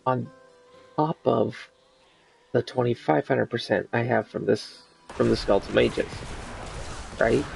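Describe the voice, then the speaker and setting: A man giving casual gameplay commentary, explaining things in a halting way. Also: medium pitch, gravelly, a little mellow, faint music behind, poor audio. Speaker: gamer commentating on own play.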